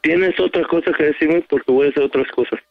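Swearing and threatening to leave, a Mexican-accented man argues heatedly on a phone call, curt, angry and foul-mouthed, as the target of a radio prank call. His voice is a little high and gravelly, and he talks fast with no echo.

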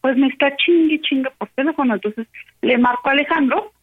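A high-pitched woman with a Mexican Spanish accent, clearly upset, races through an animated retelling of a quarrel and voices both sides of it. She comes through a narrow, tinny phone line. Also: a little fast. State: upset, agitated. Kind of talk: casual phone chat, retelling an argument.

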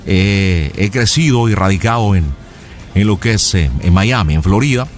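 A man's voice: fairly low pitch, normal speed, close to an everyday voice. A man playing a polite, rambling Cuban surgeon with a Cuban accent in a prank phone call. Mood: smooth, courteous. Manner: formal, rambling, many hesitations. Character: smooth-talking male Cuban surgeon, middle-aged, overly polite. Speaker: prank caller.

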